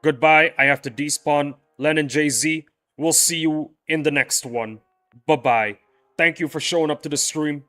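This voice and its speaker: Speaking at a normal pace, this young man streams a game and casually talks with viewers, often starting his sentences over. His fairly high voice sounds pushed and bright, with faint background music.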